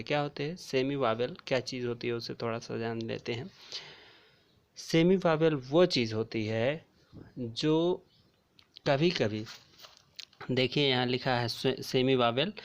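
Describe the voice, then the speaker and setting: A man teaching a grammar lesson, speaking slowly and repeating key terms as he addresses his viewers as friends. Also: mid-range voice. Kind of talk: classroom lecture explaining grammar. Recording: dull lo-fi recording.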